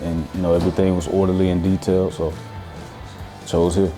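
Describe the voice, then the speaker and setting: A man's voice: low voice, little pitch movement, a little fast, warm tone. A man from Alabama gives an earnest, conversational testimonial. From Birmingham, Alabama. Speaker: detailing student. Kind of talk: testimonial interview. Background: faint music.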